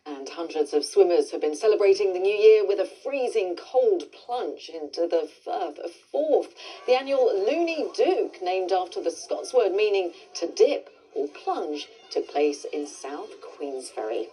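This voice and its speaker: Woman, news anchor, lowish mellow husky voice, measured studio read, slightly distant. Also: sing-song, faint music behind. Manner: measured, clear news delivery. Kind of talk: scripted news reading. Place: television studio.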